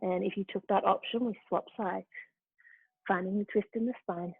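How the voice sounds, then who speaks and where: A woman's voice: mid-range voice, fairly even intonation, normal speed, creaky, husky, dry recording. A woman guides a yoga class with brief, upbeat cues for breath and posture. Her voice comes through narrow and tinny, like a phone line, with a dry, close sound and no room around it. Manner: short encouraging movement cues. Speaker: yoga instructor.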